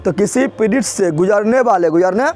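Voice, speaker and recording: A man's voice: high voice, moderate pace, darkish tone, soft background music. A man teaching a physics lesson, asking students questions and repeating key words again and again. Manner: repetitive call-and-response questioning. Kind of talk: classroom lecture.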